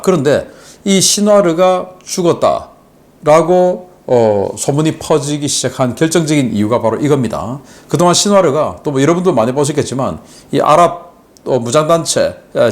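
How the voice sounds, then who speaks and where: A man's voice: a little high, lively intonation. A man hosting a defense affairs channel, giving casual spoken commentary in an explanatory way. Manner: explanatory, often starts phrases with a drawn-out "자".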